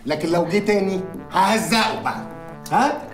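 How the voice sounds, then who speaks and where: A man's voice: sits high, moderate pace, lightly acted. A man playing a pompous Egyptian boss. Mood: blustering. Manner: blustering, self-important, teasing. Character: pompous bossy male company owner, petty and jealous. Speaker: company owner. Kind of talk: comic film acting. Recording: film audio with room echo and music.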